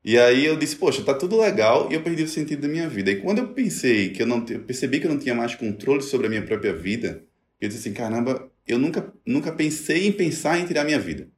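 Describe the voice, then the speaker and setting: A middle-aged man tells his own story in conversation. He talks in an animated way and acts out the voices he quotes. His voice carries a roomy echo. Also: medium pitch, fast talker. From Brazil. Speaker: guest telling his story. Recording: echoey room.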